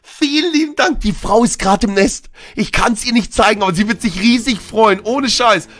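Loud, bright-voiced streamer man. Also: sits high, moderate pace. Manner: loud, boisterous, bursts into shouts. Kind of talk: reading a story aloud, then casual chat.

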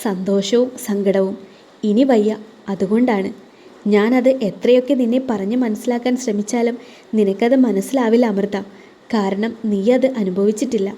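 A guarded young mother from an audio story speaks softly and wearily about her pain, as a woman puts her on. Her voice is mellow and dark in tone. It sits at a plain middle pitch, close to the narrator's own voice. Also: fairly even intonation, normal speed, close to an everyday voice. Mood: weary, hurt. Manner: subdued, weary, soft. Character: hurt young single mother, quiet and guarded.

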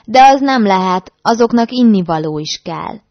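A woman's voice: medium pitch, expressive, dry recording, lightly acted. A woman voicing a sturdy, outspoken female cook who talks bluntly. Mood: insistent. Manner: blunt, insistent. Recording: dull dry recording.

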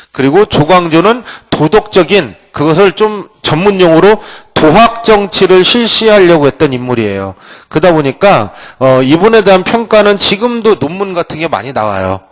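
A man giving a humorous history lecture, joking with students and acting out quotes from the past. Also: high voice. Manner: playful, acts out quotes. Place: lecture room.

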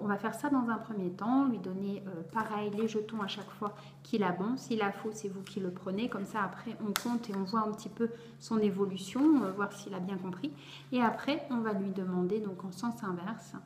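A woman's voice: medium pitch, a little mellow. A woman reading tutor explaining a learning method to parents, hesitant and full of fillers. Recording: echoey room with faint background noise.

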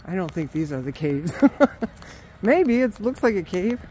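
A vlogger with a lowish, mellow voice walks a wooded trail, filming on a handheld phone, with a faint hiss or hum in the audio. She's very animated yet unhurried, chatting casually, exclaiming and laughing often, and breathless from the climb.

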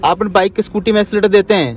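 A driving instructor with a high voice speaks rapid-fire from inside a car, talking his student through each step. Instructive in manner, he repeats his commands and tags lines with "ठीक है".

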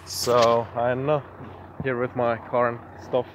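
A young Estonian man vlogs casually outdoors at night and from his car, rambling, poking fun at himself and swearing now and then. His medium-pitched voice is flat and unhurried, with background noise in the recording.

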